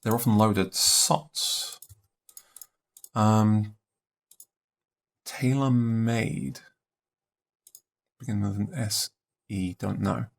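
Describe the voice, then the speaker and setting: A young man thinking aloud in a let's play, musing and unhurried, trailing off into half-spoken guesses. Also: fairly low pitch, steady tone, gravelly. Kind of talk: thinking-aloud puzzle commentary.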